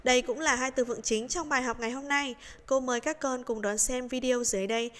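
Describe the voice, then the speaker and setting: A woman teaching English to young children, in a slow, patient lesson voice, breaking words into syllables in a sing-song way. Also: high-pitched, steady tone, fairly bright tone, long reverb tail.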